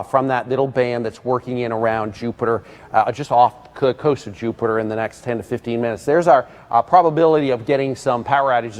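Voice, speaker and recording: An American man with a mid-pitched voice talks through live weather as a TV meteorologist. He improvises as he goes, breaking his phrases with frequent hesitations and pauses. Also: a little mellow. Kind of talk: live ad-libbed weather commentary.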